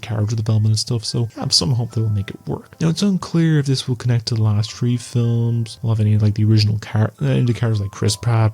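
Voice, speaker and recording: A man with a mellow mid-range voice and a breathy edge hosts an entertainment news video series. His vlog-style film news commentary is casual, informal and rambling, with background music under his voice.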